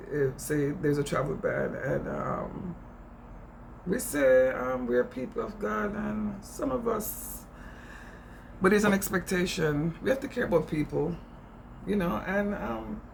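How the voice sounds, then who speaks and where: Speaking on immigration, this middle-aged Jamaican-accented man is earnest and emphatic, repeating phrases to drive points home in informal, impassioned commentary. His voice sits high and creaky over slight background noise, and the recording is low quality.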